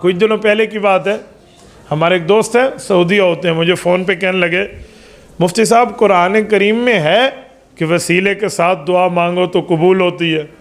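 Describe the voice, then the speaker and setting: Male preacher, middle-aged, high-pitched, lively sermon delivery with rhetorical flair. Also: moderate pace. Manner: animated, rhetorical, drops to low asides. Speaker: Islamic preacher. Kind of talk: religious sermon with anecdote.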